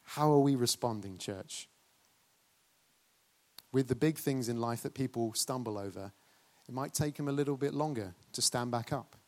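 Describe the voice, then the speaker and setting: A man's voice: medium pitch, normal speed, a little mellow. A man preaching a sermon, questioning and urging the congregation.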